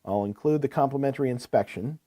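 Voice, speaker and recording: In this scripted business phone call, a man plays an attentive, courteous, eager salesman of heavy equipment, asking probing questions. His voice is medium-pitched, warm, and natural, and he talks fast. The mood stays helpful and businesslike.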